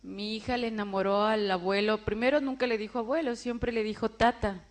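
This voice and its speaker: Woman, forties, emotional personal testimony, higher voice, acts out quoted voices. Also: fairly even intonation, brisk. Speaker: testimony speaker.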